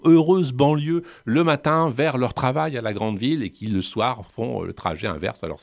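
A man's voice: medium pitch, no room sound. A man hosting a radio show about film music, talking casually with ironic, joking asides. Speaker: radio host presenting film scores.

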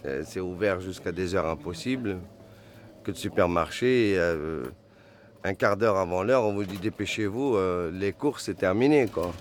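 A man with a fairly low voice talks in an easy, relaxed way, pausing on small hesitations as he explains. Clear shop noise runs behind him in the small grocery. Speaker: shop customer and friend. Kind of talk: casual chat in a shop.

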